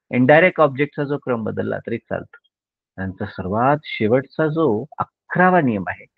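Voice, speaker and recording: Gravelly-voiced man teaching grammar. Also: on the low side, dry recording. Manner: recites tense endings in quick drilled lists; slowly dictates example sentences word by word. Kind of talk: lecture. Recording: dry, tinny phone-like sound.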